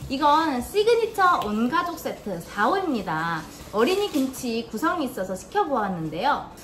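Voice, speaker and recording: A woman's voice: sits high, big pitch swings, normal speed, a bit bright, a little hiss or hum. A mother hosting a home vlog, coaxing and praising her children through a task and reading product details in between. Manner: coaxing, sing-song praise to kids. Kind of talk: casual instructions to children mixed with product narration.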